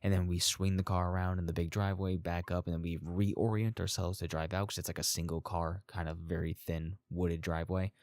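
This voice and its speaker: A man with a very low voice tells personal stories in a loose, rambling way, swearing freely and chuckling along. The sound is dry and close, with no room around it. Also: level tone, a little fast, few pauses, a little mellow, dry recording. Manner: rambling, profane, chuckles often. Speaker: storyteller. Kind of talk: casual personal storytelling.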